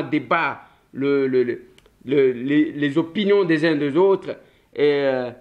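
A man's voice: mid-range voice, dull audio. A man hosting a political talk show, chatting casually between French and Lingala, joking and repeating himself.

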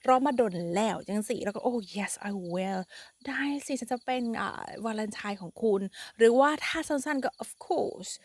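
A woman's voice: on the high side, a little fast, hardly any pauses. A woman teaching English vocabulary on a live stream, chatty and upbeat, mixing English and Thai. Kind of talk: live-streamed language lesson.

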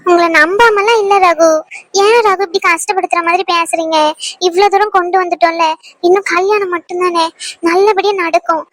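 A woman voicing a gentle young woman who is anxious and guilt-ridden about her coming marriage, speaking softly and apologetically. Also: very high voice, fairly even intonation, normal speed, dry recording. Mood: pleading. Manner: soft, pleading, apologetic. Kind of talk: fan dub of a serial scene.

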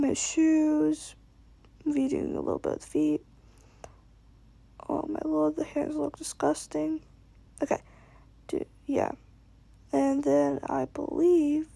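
Tired young woman with heavy vocal fry. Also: high voice, dark tone, no room sound. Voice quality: creaky. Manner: tired, exhausted-sounding. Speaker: amateur artist narrating own drawings. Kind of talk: casual voice-over on a sped-up drawing video.

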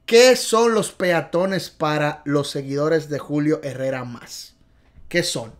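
A man's voice: fairly high pitch, slow pace. A man tutoring for a driving theory test, exuberant and playful, repeating key points over and over. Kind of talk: video lesson.

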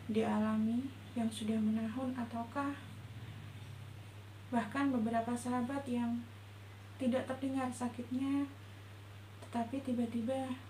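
High-voiced woman giving a reflective religious talk. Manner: gentle, reflective, measured delivery. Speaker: religious teacher. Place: indoor room before a patterned cloth backdrop. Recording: roomy echo with faint hum.

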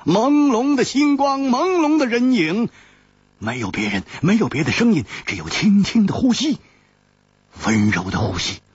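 A man's voice: high voice, sing-song, husky, dry recording. A man narrating a martial-arts audiobook in a dramatic storytelling style. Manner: slow, dramatic storytelling cadence. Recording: dull lo-fi recording, dry.

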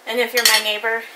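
Woman, home cooking host and mom, a bit high-pitched, playful and teasing with frequent laughs; noisy kitchen recording with dish clatter. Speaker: cooking vlog host and mother. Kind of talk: casual cooking demonstration.

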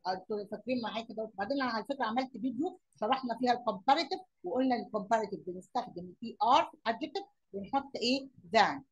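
A woman's voice: fairly high pitch, animated, racing, hardly any pauses, husky, muffled recording. A young woman with an Egyptian accent teaching English grammar to children, explaining in Arabic and asking and answering her own questions. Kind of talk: classroom lesson explanation.

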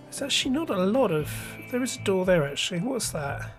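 A man with a cold hosts a let's play, his high-pitched voice sing-song, slightly nasal from a stuffy nose, and a little fast. He offers casual commentary, thinking aloud with restarts, while soft music plays in the background.

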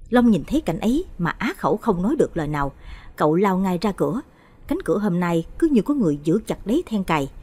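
A woman narrating a late-night horror story with a husky voice. Her pitch swings widely as she tells it with drama and expression. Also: darkish tone, no echo.

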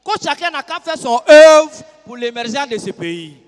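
A man voicing a pompous new camp commander who makes loud, self-important proclamations. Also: extremely high pitch, very animated, moderate pace, in a large hall. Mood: proclaiming.

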